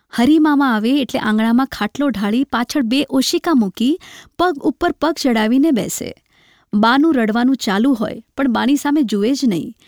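A woman narrating a literary short story in a measured, reflective way. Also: sits high, darkish tone, dry recording, clean studio sound.

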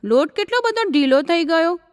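A sharp, nagging mother from a spoken story, read by a woman. She talks in a high voice with a scolding edge. The recording carries a long hall reverb. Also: lively intonation, moderate pace. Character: scolding middle-aged mother of the house.

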